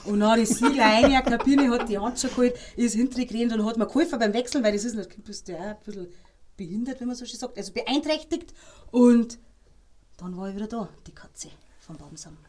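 A woman with a Bavarian accent, a podcast guest telling lively anecdotes in casual chat and laughing between them. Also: fairly high pitch, fast talker. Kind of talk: casual storytelling.

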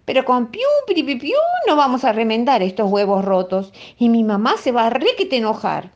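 A woman's voice: fairly high pitch, sing-song, normal speed, highs cut off, pitched above the performer's own voice. A woman with a Rioplatense accent playing an absent-minded young boy with an anxious, pleading manner. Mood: worried. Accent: Rioplatense Spanish.

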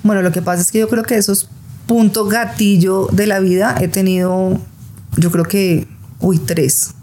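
A woman's voice: medium pitch, fairly even intonation, normal speed, dark tone, slight background noise. A middle-aged woman with a Colombian accent, talking candidly about her life as a podcast guest. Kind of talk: candid personal storytelling in an interview.

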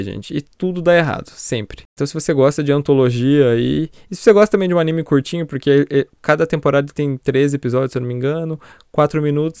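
A Brazilian man chatting on a podcast, retelling horror anime episodes with lively storytelling. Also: fairly high pitch, clean tone, no room sound, studio quality. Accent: Brazilian Portuguese. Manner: animated storytelling, acts out scenes with laughs. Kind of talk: casual chat reviewing an anime.

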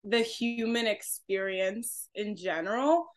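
A young woman co-host talks through her ideas slowly. She pauses often and hunts for the right word in a relaxed, reflective chat. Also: medium pitch. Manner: hesitant, searching for words. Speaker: podcast co-host.

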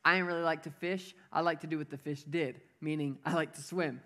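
Young pastor guy preaching, bright kinda high voice, playful and loud, gets the crowd to repeat stuff. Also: brisk. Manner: energetic, playful storytelling, calls the crowd to repeat words. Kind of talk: lively youth sermon to a live congregation.

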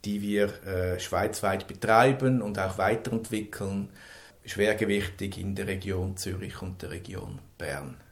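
A guest in his fifties talks sincerely about his own life in an interview, often stuttering and repeating himself. He speaks slowly in a low voice, and the recording is reverberant.

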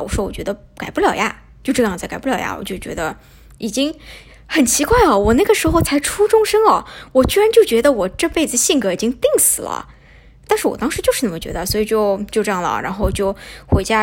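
Fast, lively husky young woman. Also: a little high. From China. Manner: chatty, poses and answers her own questions. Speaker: podcast host. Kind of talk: casual personal storytelling.

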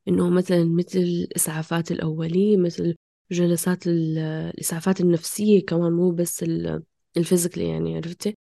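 Woman chatting super fast, lowish soft-toned voice, passionate, questioning herself in broken bursts. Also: little pitch movement, vocal fry, dry recording, clean studio sound. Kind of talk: casual, impassioned conversation.

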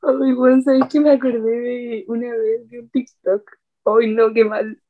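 A young woman with a Chilean accent telling a story in a slangy, animated casual chat. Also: a little high, unhurried, phone-quality sound.

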